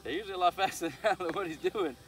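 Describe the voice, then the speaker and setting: A man, chatting excitedly to viewers about a catch while standing on a riverbank outdoors, recorded on a chest-mounted camera. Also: high-pitched, fast talker. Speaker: fishing vlogger. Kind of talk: casual outdoor vlog. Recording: outdoor recording with faint nature noise.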